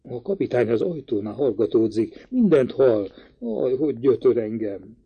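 A man reading a frightened young woman, hushed. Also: mid-range voice, animated, breathy edge. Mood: anxious, hushed. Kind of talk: audiobook reading. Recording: dry, slightly dull recording.

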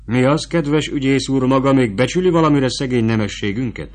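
A man's voice: mid-range voice, darkish tone, voice pushed up, lightly acted. A man reading as a cunning, world-weary count. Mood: wry.

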